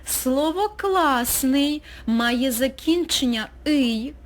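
A woman teacher narrating a recorded school lesson, speaking slowly and clearly as if dictating. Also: high voice, animated. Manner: slow, clear, dictating pace.

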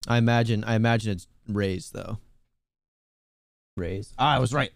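A man's voice: on the low side, moderate pace, vocal fry, no room sound. A man streaming a video game, chatting casually with viewers in a teasing, joking way and laughing often. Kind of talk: casual gaming stream chat.

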